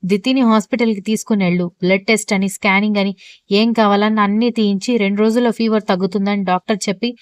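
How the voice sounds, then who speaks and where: A woman's voice: mid-range voice, fairly even intonation, fast talker, clear, resonant tone, no echo, studio quality, close to an everyday voice. A woman voicing a firm, scolding middle-aged mother-in-law in a storybook reading.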